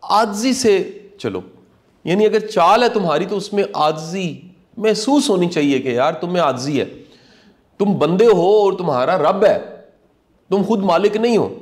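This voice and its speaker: A man's voice: sits high, expressive. A middle-aged man giving a motivational talk in an earnest, preacherly way, repeating key lines for emphasis. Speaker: motivational speaker. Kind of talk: reflective commentary talk.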